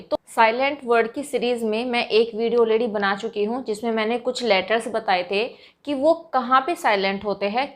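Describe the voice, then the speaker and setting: A woman giving an online English lesson. She explains pronunciation rules patiently, one step at a time, and corrects common mistakes. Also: on the high side. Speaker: English teacher.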